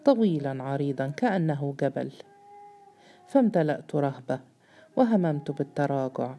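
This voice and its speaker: A woman reading the part of a grown man who earnestly recounts a strange night encounter, in a measured storytelling manner. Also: deep voice, animated, mellow.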